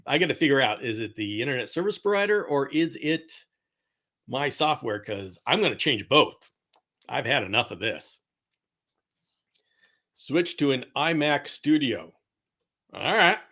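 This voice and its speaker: A man's voice: medium pitch, fairly bright tone. A man hosting a live stream, chatting casually with viewers, rambling with fillers, laughing and apologizing often. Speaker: host of a live chameleon show.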